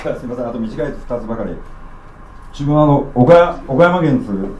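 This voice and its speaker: A man from Okayama performing his own poetry live, with rough, streetwise declamation. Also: mid-range voice, animated, fast, a little mellow, echoey room, slight background noise, rough recording. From Okayama, Japan. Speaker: spoken-word poet. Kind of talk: live spoken-word poetry reading.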